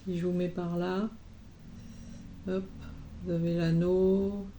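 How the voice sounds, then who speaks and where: A woman from France speaks slowly in a fairly low, dark voice with a flat delivery as she casually shows her embroidery projects on her vlog, adding small interjections along the way. There is a little hiss or hum in the audio.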